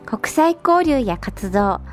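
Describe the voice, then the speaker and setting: Courteous female radio host, high voice. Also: big pitch swings, slow pace, a little mellow, faint music behind. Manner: formal, courteous and encouraging. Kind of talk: polite radio interview.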